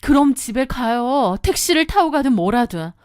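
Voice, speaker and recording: A bratty young sister-in-law, high and shrill, whining her demands, as a woman narrator puts her on. The voice is smooth and clean, with a dry, close sound. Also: lively intonation, normal speed, a little mellow, dry recording. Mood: whiny demanding. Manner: whiny, demanding, rude.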